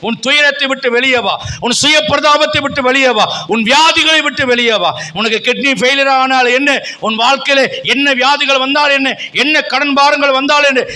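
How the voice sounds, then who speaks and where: A man's voice: extremely high pitch, pushed and bright. A middle-aged male pastor preaching a fervent sermon in a church, with repeated calls and rising emphasis. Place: church sanctuary.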